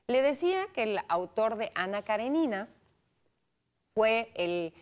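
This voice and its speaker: A woman's voice: a little high, very animated, unhurried. A chatty woman hosts a cultural radio talk show, trading remarks with her co-host. She reads listener calls and votes aloud in a friendly, conversational way, speaking into a studio microphone.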